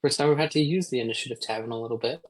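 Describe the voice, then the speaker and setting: A man runs a tabletop game, describing the scene in a measured way, pausing and filling gaps with ums. His voice sits at a middle pitch and sounds close to a streaming microphone. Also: low-quality recording. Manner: unhurried, descriptive narration with pauses and ums. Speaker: game master.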